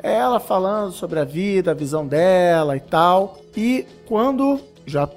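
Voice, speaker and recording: A man's voice: sits high, lively intonation, unhurried, faint music behind. A man, chatting enthusiastically as a podcast panelist. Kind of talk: casual chat.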